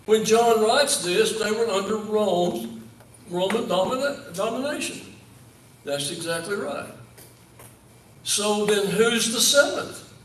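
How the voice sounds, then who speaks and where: Male pastor, Bible study teaching, slow measured delivery, slightly raised pitch, repeats key words, quizzes the group, echoey church room, mic some distance away. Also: fairly bright tone, a little hiss or hum. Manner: asks the group questions and affirms answers.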